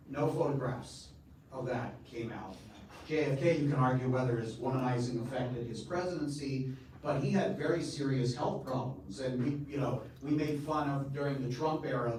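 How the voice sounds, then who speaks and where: A man's voice: mid-range voice, a little mellow, recorded from a distance, slight background noise. Chatty man in an echoey hall. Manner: anecdotal, chatty. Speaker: panelist. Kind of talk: panel discussion. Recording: echoey hall audio from afar.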